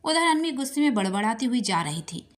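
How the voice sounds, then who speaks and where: A woman narrating a romance story with a steady, expressive reading. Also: on the high side, brisk.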